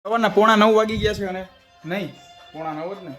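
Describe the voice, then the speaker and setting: A man's voice: high-pitched, brisk, music in the background, poor audio. Playful young man vlogging at home. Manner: playful, teasing banter. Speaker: family vlogger. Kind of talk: casual home vlog chat.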